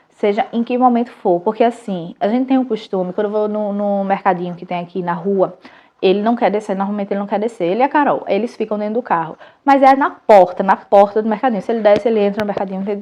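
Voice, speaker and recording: A Brazilian mother in her thirties who hosts a channel tells a family story, speaking with a Brazilian Portuguese accent at medium pitch. Her delivery is casual, animated, and chatty with many restarts, and the audio sounds dull.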